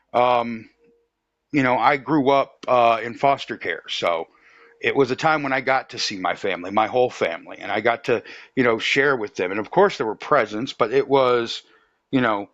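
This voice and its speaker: A man hosts a podcast, chatting casually and thoughtfully in an easygoing, reflective way, with lots of fillers and restarts. His voice is mid-range with a fairly bright tone, captured in a dull, lo-fi, dry recording with no echo.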